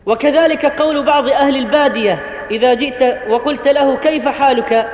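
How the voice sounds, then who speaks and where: A man's voice: very high-pitched, fairly quick. A man preaching a sermon to the congregation, earnest and instructive, addressing the brothers directly. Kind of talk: Friday sermon. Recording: echoey hall, tinny phone-like sound.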